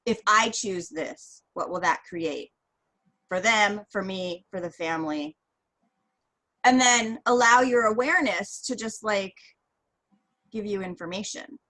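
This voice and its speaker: A woman's voice: medium pitch, a little slow, long pauses, pushed and bright, low-quality recording. A woman co-hosting a casual podcast, summing up points and giving parenting advice. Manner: sums up points and gives advice. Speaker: co-host.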